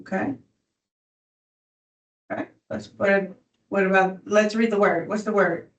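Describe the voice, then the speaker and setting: A woman's voice: medium pitch, steady tone, unhurried, roomy sound, far from the mic, poor audio. A woman tutoring a student in phonics, patient and encouraging, often checking in with "right?". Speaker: reading tutor. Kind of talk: one-on-one phonics lesson.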